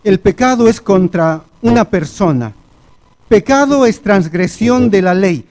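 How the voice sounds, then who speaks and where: Slow high-voiced Argentine preacher. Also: male voice, expressive, a little mellow. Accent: Argentine Spanish. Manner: slow, deliberate preaching, often addressing the congregation as brothers. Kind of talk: sermon. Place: church.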